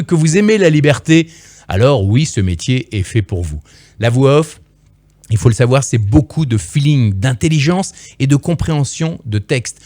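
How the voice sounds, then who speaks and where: A man's voice: medium pitch, a little mellow, no room sound. A man coaching future voice-over artists in an emphatic, playful direct-to-camera lesson, on a close microphone.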